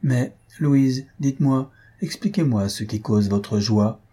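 A man's voice: medium pitch, slow, warm tone, breathy edge. A man voicing a thoughtful young woman who questions her sister in an insistent, probing way, for an audiobook. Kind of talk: audiobook character voice.

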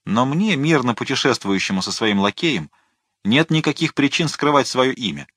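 A man's voice: medium pitch, very animated, normal speed, a bit bright, no room sound, pitched above the performer's own voice. A man reading an audiobook and voicing a bold, cocky young musketeer with a mocking edge, in a dry studio recording.

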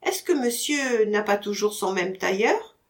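A woman's voice: medium pitch, animated, unhurried. A woman reading a storybook audiobook, voicing a meek, eager young male servant who answers humbly. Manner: humble, deferential replies.

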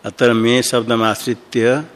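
A man teaching Sanskrit grammar in a slow classroom explanation. He thinks aloud, often stopping to repeat and correct himself. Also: medium pitch, little pitch movement.

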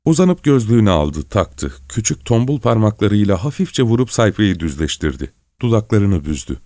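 A man narrating a literary story in a measured, steady reading style. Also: lowish voice, no echo. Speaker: audiobook narrator.

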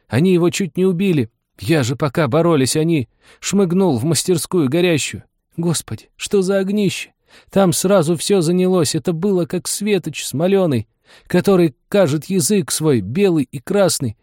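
A man's voice: on the high side, darkish tone, dry recording, studio quality, pitched above the performer's own voice, close to an everyday voice. A man voicing a cheeky thirteen-year-old boy apprentice in an audiobook, telling his story in a breathless, tearful rush. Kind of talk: audiobook character voice.

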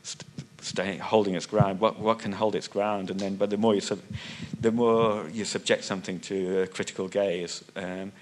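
Man, panelist, low flat voice, halting and self-correcting. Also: slight background noise. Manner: hesitant, many restarts and fillers, loses thread. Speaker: panelist, music magazine writer. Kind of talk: unscripted panel discussion. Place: conference hall panel.

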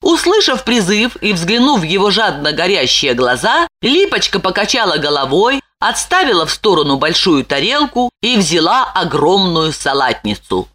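A woman narrating an audiobook in an expressive way. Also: fairly low pitch, normal speed, few pauses. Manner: expressive, lively.

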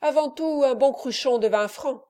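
A woman voicing a cheerful, hungry young peasant man in a storybook reading, speaking loudly and with gusto. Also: high voice, normal speed, voice pushed up, natural voice. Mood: jovial. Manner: loud, exclaiming, jovial.

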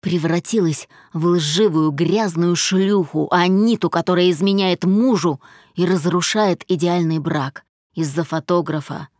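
A woman's voice: mid-range voice, moderate pace, no echo, clean studio sound, lightly acted. A woman voicing a domineering, jealous husband who speaks harshly and in clipped phrases. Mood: menacing.

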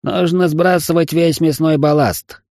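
Grumpy robot mechanic in an audiobook, voiced by a male reader, high and irritable, dry sound. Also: steady tone, a little slow, darkish tone, no echo. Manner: griping, irritable.

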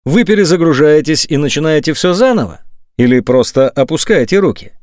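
A man's voice: fairly quick, no echo, clean studio sound. A man narrating a nonfiction audiobook in a scripted, emphatic reading style. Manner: lively, emphatic reading with wide swings of pitch.

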